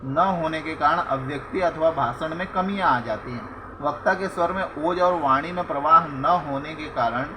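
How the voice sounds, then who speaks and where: A man teaching a lesson, reading his notes in a measured, listing way and now and then correcting himself. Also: fairly high pitch, background noise. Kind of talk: reading lecture notes for teacher-training students.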